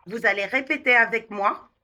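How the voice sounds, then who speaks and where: A woman with a Tunisian accent, teaching French pronunciation and articulating words slowly and deliberately. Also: fairly high pitch, sharp tone. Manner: slow, deliberate articulation, exaggerated vowels in drills. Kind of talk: online pronunciation lesson.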